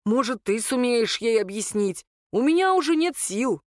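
A woman's voice: fairly high pitch, animated, moderate pace, dry recording, clean studio sound, natural voice. Woman doing an annoyed whiny young guy, exasperated, audiobook story. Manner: exasperated, complaining. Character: irritable young man claiming to be husband.

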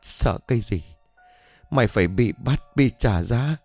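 A man's voice: medium pitch, lively intonation, a little slow, no room sound, faint music behind. Man voicing a stern scolding mother. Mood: scolding, shocked. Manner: sharp, scolding, blunt.

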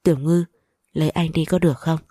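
A serious young man, tender with the woman he loves, in a storybook romance, as a woman narrator voices him. His quiet, earnest lines sound low and mellow, close and dry. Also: fairly even intonation, brisk, dry recording.

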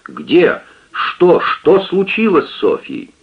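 A man voicing an agitated young gentleman in love, urgent and pleading, heard as a tinny radio recording. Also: sits high, huge pitch swings, slow, breathy edge, voice pushed up, exaggerated voice. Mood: frantic.

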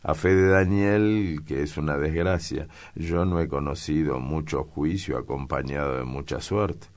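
A man with a very deep voice reading the part of a witty young man who teases his friends, in a bantering, mischievous manner. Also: unhurried, darkish tone. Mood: playful.

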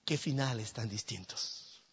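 A man preaching a Saturday sermon, telling the story dramatically and swinging from loud cries to hushed near-whispers. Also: mid-range voice, measured pace, breathy edge. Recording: dull lo-fi audio in a hall with long reverb.

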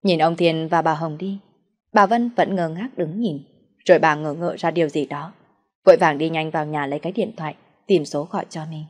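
A woman narrating an audio drama story with an even, measured reading. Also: low-pitched.

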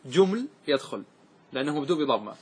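Husky guy teaching grammar to a class, keeps asking if they got it, kinda high voice. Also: very animated, quick pace. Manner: keeps checking students follow, asks them questions; repeats examples and recites verses in a raised voice. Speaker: Islamic scholar teaching Arabic grammar. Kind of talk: classroom lecture explaining a grammar poem.

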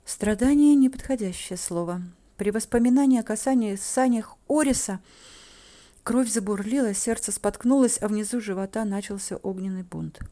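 A woman reads a first-person fantasy novel aloud, expressive and playful in her storytelling. Her voice is dark and mellow, with a medium pitch. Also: moderate pace. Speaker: audiobook narrator. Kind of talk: first-person audiobook narration.

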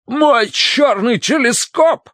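A man voicing a gruff, irritable old Victorian colonel who barks orders in an audiobook. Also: on the high side, very animated, normal speed, no echo, studio quality, voice pushed up. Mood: gruff, barking. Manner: barking, grumbling.

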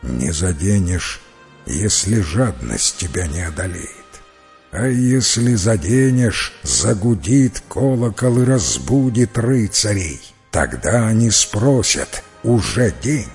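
A man voicing a mysterious old man who guards a treasure cave and speaks slow, grave warnings. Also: fairly low pitch, big pitch swings, a little mellow, soft background music, full character voice.

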